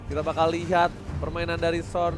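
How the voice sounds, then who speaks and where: A man calling a live esports match like an excitable fighting game announcer, dropping in English catchphrases. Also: fairly high pitch, fairly quick, music in the background. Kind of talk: live play-by-play game commentary.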